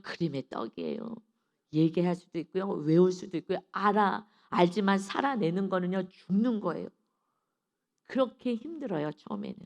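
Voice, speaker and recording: A woman pastor delivers an early-morning sermon with a gravelly edge to her mid-range voice. She preaches emphatically and asks the congregation rhetorical questions. She briefly takes on other people's voices when quoting them. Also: mid-range voice, a little mellow. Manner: acts out quoted speech of everyday people.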